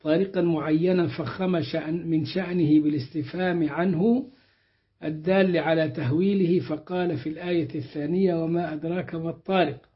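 Guy with a highish voice explaining quran verses slow and careful, kinda muffled lo-fi sound. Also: fairly even intonation. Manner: measured explanatory delivery, slows when quoting verses. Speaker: Quran teacher. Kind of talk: tafsir lesson reading and explaining verses. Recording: dull lo-fi recording.

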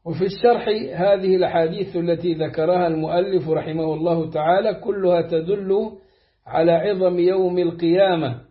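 A man reading hadith and their explanations in a slow, deliberate recitation, drawing out his phrases. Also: sits high, fairly even intonation. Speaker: hadith reader. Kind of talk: measured reading of hadith with commentary. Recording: dull lo-fi recording.

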